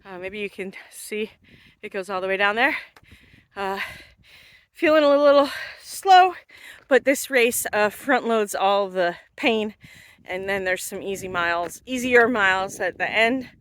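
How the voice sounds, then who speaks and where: A woman's voice: mid-range voice, a little slow, fairly bright tone. A woman talking casually and thinking aloud while on the move in a trail race, giving chatty vlog check-ins outdoors. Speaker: vlogger running a trail race. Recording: noisy outdoor handheld recording with clicks.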